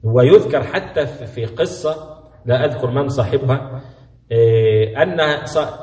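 Egyptian sheikh teaching quran commentary, chatty and lively, keeps asking the room questions, sounds far off in a big echoey hall. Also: male voice, a little high. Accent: Egyptian Arabic. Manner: lively and conversational, asks the audience questions. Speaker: Islamic preacher giving Quran commentary. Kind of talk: religious lesson, classical Arabic mixed with colloquial. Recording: echoey hall, mic at a distance.

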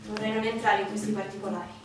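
In a theatrical stage interview, an actress plays a banker's mature widow who is guarded, defiant and bitterly loyal to her late husband. Her mid-range voice is quick with fairly even intonation and lightly acted, with a little hiss or hum. The recording is very echoey and distant, with music underneath.

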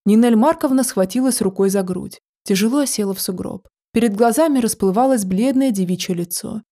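A woman reading a story aloud in a steady, measured way. Her voice is mellow and warm, at a middle pitch. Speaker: narrator. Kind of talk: storybook narration.

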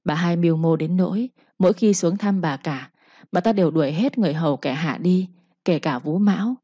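A woman reading a story aloud in a calm, even narrating voice. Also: on the low side, a little fast, husky, dry recording, highs cut off.

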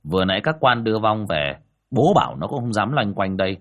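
A man's voice: lowish voice, sing-song, a little fast. A man voicing a brusque, commanding male spirit master who gives blunt orders. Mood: firm. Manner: blunt, matter-of-fact orders.

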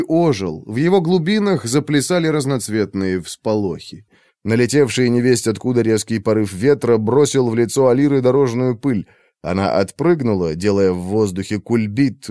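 A man reading a fantasy audiobook in a steady, expressive narration. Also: medium pitch, no room sound, studio quality.

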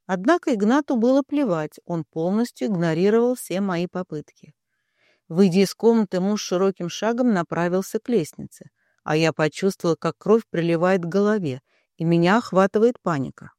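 Audiobook narrator, first-person story, expressive, middle pitch, dry close sound. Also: normal speed, dry recording.

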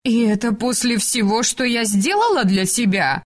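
A woman voicing a shrill, hysterical dancer. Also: lively intonation, normal speed. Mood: wounded pleading. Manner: shrill screaming. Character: hysterical, vain female dancer, screeching and domineering. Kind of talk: audiobook character voice.

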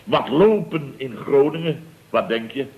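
Here the pompous Dutch builder of an old radio comedy is in blustering form: boasting, stammering and repeating himself, and chuckling at his mock indignation. His mid-pitched voice is a little slow and mellow, with lively intonation and a faint hiss or hum.

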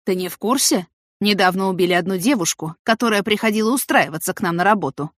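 A woman's voice: mid-range voice, quick pace, no echo, clean studio sound, lightly acted. A woman voicing an indignant, suspicious female farm worker who complains a lot.

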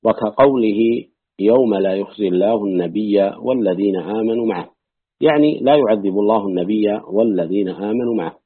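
A man's voice: on the low side, dry recording. Man reading a religious text aloud. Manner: measured recitation, pausing to note and correct slips. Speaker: reader of a classical exegesis book. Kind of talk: reading aloud from a book with brief comments. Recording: husky, dry, tinny phone-like audio.

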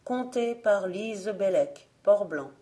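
A woman narrating an audiobook of folk legends in a measured, even reading voice. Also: mid-range voice, music in the background. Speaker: audiobook reader.

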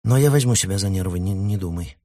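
A man's voice: low-pitched, fast talker, warm tone, pitched above the performer's own voice, close to an everyday voice. A man voicing a nervous, irritable young woman who mutters her lines, in a storybook reading. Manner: muttering, edgy.

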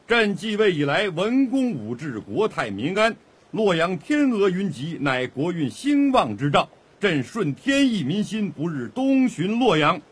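A husky court herald proclaiming. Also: male voice, sits high, heavily acted. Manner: formal ceremonial proclamation. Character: solemn male imperial edict reader.

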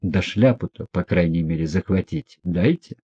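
A man voicing a meek, gentle young prince who speaks softly, earnestly and patiently. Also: sits low, normal speed, breathy edge, dull audio.

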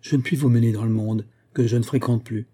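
A kind older lady speaks calmly and with gentle firmness, as a man reads her part. Her tone is very dark and mellow, with a husky edge. She is a storybook benefactor, sure of herself. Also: medium pitch, brisk, lightly acted. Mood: kindly. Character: kind older woman, calm and firm benefactor.

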